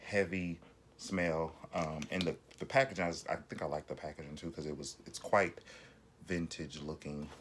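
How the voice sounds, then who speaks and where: A man's voice: a bass voice, steady tone, normal speed, a little hiss or hum. A man chatting casually through a haul video at home, rambling with many ums and restarts. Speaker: vlogger. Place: home bedroom.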